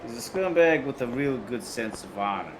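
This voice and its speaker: Wry man with lively, swinging pitch. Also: normal speed, background noise. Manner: wry, joking banter. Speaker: let's play co-commentator. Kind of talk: casual gaming commentary. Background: video game music.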